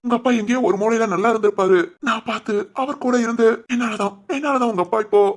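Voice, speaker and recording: A woman voicing a gentle, protective young husband in a cartoon family drama, talking softly and comfortingly. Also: a little high, fairly even intonation, fast talker, natural voice. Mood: soothing. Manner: soft, comforting and reassuring.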